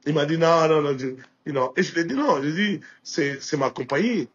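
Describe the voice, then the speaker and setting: A man's voice: fairly high pitch, lively intonation, brisk, breathy edge, lo-fi sound. A man from Burkina Faso with a Burkinabé French accent, telling anecdotes in a casual interview with many restarts. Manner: anecdotal, with frequent restarts and filler. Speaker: interview guest, entrepreneur.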